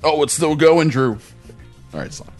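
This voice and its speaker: A podcast host chats casually in a laid-back, rambling way, swearing now and then. His voice is a little high and a little mellow, his pace moderate, and soft music plays in the background.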